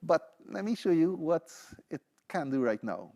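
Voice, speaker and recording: Very animated yet a little slow, a young Trinidadian-accented man with a high-leaning, creaky, dark-toned voice gives a seminar talk. As a PhD candidate presenting with a live demo, he keeps it loose and conversational, frequently dropping in "right?" and "you know".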